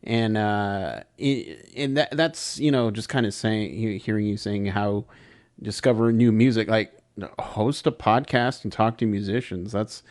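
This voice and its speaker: A man's voice: fairly low pitch, measured pace, darkish tone. A man hosting a podcast, chatting casually and effusively, often restarting his phrases. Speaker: podcast host, interviewer. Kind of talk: casual interview chat.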